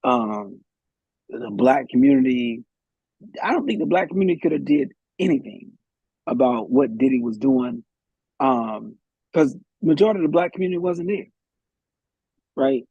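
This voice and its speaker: A husky, gravelly man talks as a guest on a live podcast, thinking aloud and restarting his sentences. His voice sits at a middle pitch. The audio is dry and a little muffled. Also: animated, moderate pace, pauses often, no echo.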